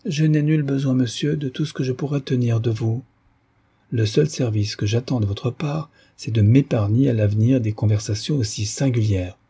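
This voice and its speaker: A man's voice: mid-range voice, steady tone, moderate pace, dark tone, slightly rough. A man reading the part of a proud young woman firmly rebuffing a suitor in a period novel. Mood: firm reproach. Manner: firm, reproachful.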